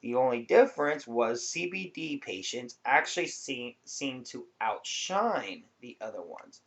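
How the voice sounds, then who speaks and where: Speaking a little slowly but in a very animated way, a man with a medium-pitched voice vlogs to his viewers, rambling as he explains things in a laid-back manner. The recording is dull and lo-fi.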